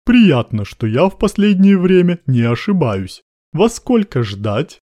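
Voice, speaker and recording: A man's voice: on the high side, big pitch swings, unhurried, warm tone, no echo, pitched above the performer's own voice. A man voicing a cool, commanding male major with dry irony in an audiobook. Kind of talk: audiobook narration.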